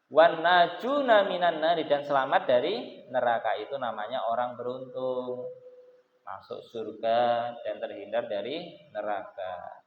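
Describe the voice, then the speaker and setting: A man's voice: medium pitch, measured pace, a little hiss or hum. A man with an Indonesian accent teaching a Quran commentary lesson, explaining grammar and chanting Arabic phrases. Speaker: Islamic teacher. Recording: echoey hall, tinny phone-like audio.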